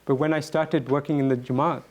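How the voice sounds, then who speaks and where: Man giving halting, earnest answers. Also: on the high side, fairly even intonation. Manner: halting, earnest, with repeated words. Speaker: guest speaker answering questions. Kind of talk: reflective talk answering questions.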